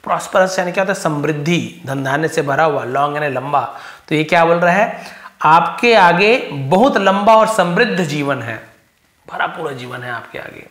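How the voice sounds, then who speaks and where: A man teaching English grammar, reading a story's English lines slowly and explaining each word in Hindi. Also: on the high side, expressive, fairly bright tone, echoey room.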